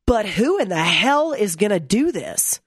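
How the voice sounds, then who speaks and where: A woman's voice: medium pitch, very animated, a little slow, breathy edge, dry recording, studio quality. A woman hosting an opinion commentary segment, reading text aloud and mocking it in a sarcastic, blunt, exasperated way. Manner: reads text aloud and mocks it.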